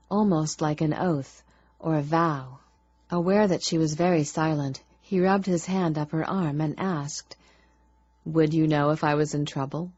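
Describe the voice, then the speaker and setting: Low, slow woman narrating an audiobook. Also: a little mellow, breathy edge, dry recording, lo-fi sound. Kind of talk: scripted narration.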